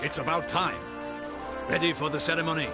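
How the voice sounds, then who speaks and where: An actor voicing a strict, proud guard captain in a video game, speaking in a stiff, commanding, formal manner. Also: male voice, fairly high pitch, fairly even intonation, a little fast, loud music behind the voice, lightly acted.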